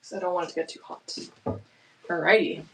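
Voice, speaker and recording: A woman's voice: on the low side, steady tone, brisk, gravelly, a little hiss or hum. Chatty woman cooking on stream. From Canada. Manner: chatty, rambling, self-correcting. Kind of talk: casual chat while cooking. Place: home kitchen. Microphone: camera on a tripod.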